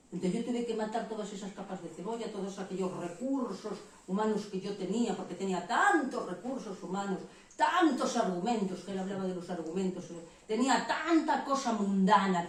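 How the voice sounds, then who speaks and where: A Spanish-woman preacher gives a frank, animated testimony and slips into the voices of the people she quotes. Her voice echoes heavily through a church hall and sounds distant from the mic. A faint hum of the room sits underneath. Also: medium pitch. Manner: candid and animated, quoting herself and others. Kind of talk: testimony sermon.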